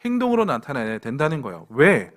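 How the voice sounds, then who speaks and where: A man's voice: mid-range voice, wildly swooping pitch, fairly quick. A young adult man preaching a sermon to a church young adults group, pointed and direct with playful asides. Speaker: pastor.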